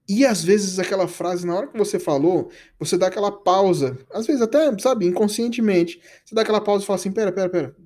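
Brazilian man, English teacher, chatty coaxing audio lesson, fairly high and warm voice. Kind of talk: casual podcast lesson.

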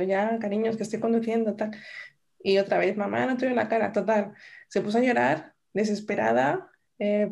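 A woman, a mother and podcast co-host, chatting casually and thoughtfully, often restarting her sentences and filling pauses. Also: medium pitch, vocal fry, darkish tone. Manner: reflective, with many restarts and fillers.

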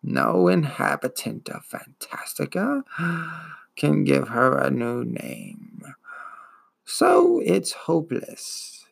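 A man's voice: medium pitch, huge pitch swings, vocal fry, heavily acted. Morla, a man voicing an ancient, gloomy giant turtle. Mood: weary gloomy. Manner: slow, gloomy, wheezing drawl.

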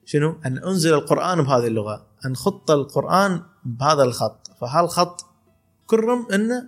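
Fast-talking, with a fairly high pitch and lively intonation, this man is a calligrapher in his twenties from Khor Fakkan, UAE, with an Emirati Arabic accent. Soft music plays behind him. As a casual podcast guest, he tells stories and often laughs and restarts his sentences.

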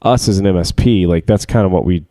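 A man's voice: sits low, fast, mellow, no echo, studio quality. A man co-hosting a casual tech podcast, rambling with lots of fillers and frequent laughs. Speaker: podcast co-host, tech worker. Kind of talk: casual chat.

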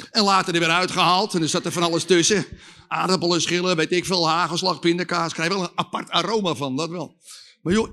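High, bright man preaching. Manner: lively call-and-response with the audience, shouted climaxes. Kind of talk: sermon with testimony.

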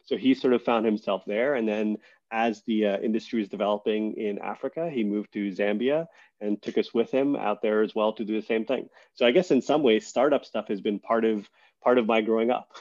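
A man talking as a guest on a podcast, relaxed and thoughtful, with lots of fillers and restarts. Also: lowish voice, fairly quick, muffled recording. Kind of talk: casual interview conversation.

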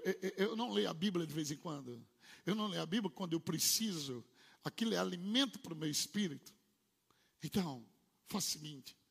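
A man preaching a sermon, swinging between low murmured asides and loud shouted proclamations. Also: creaky, husky. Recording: long hall reverb.

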